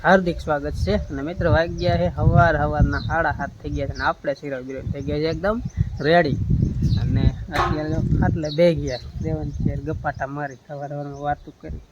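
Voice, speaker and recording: A man's voice: a little high, fairly even intonation, fairly quick, highs cut off. A man with a Kathiawadi Gujarati accent chatting casually as a village vlogger, teasing and easygoing, recorded outdoors on a farm. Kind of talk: casual village vlog chat. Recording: outdoor noise with birds and animals.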